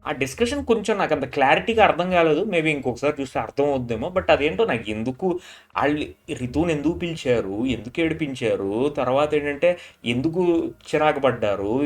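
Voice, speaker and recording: Speaking briskly and expressively at a medium pitch, a man gives a casual recap of a reality show episode. His voice drops for each quoted line as he retells scenes, and filler tags come up again and again.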